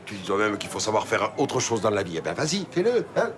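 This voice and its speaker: A man's voice: lowish voice, very animated, brisk, background noise. An actor playing a weary bar owner who grumbles and scolds his partner, in a TV soap drama. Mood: angry. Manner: reproachful, exasperated.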